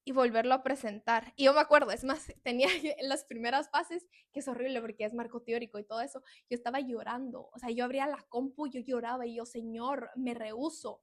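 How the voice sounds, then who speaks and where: A young woman, hosting a podcast and sharing an emotional, confessional faith testimony with soft laughs. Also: fairly high pitch, dry recording, studio quality. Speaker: podcast host.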